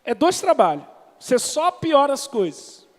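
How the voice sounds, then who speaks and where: Man, pastor, sermon, congregation call-and-response, high voice, long church reverb. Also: sing-song. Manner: calls for congregation responses, reads scripture slowly.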